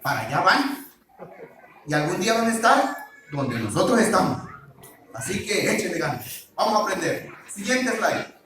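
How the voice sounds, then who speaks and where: A man's voice: high-pitched, sing-song, normal speed, pauses often, a crowd in the background. Man preaching in an echoey hall. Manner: quizzes the congregation, call-and-response. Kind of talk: church sermon on marriage. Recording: very echoey hall, mic far off.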